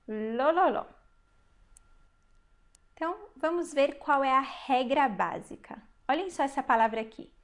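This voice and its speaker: In a recorded online language class, a high-voiced woman teaches Hebrew, explaining patiently one step at a time and pausing to question her learner. She pronounces every new Hebrew word slowly and with great care.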